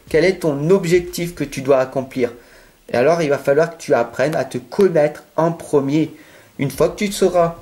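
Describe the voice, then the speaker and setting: Reading tarot cards straight to the viewer, this French-accented man is earnest and insistent, often pausing to ask "d'accord?". His pitch is a little high and his tone somewhat dark.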